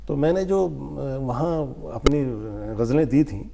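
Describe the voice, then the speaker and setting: An older man being interviewed as a guest poet, telling stories at an unhurried pace and acting out what others said to him. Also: a little high, animated, vocal fry, background noise. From India. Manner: unhurried anecdotes, acting out quoted speech. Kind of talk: storytelling interview.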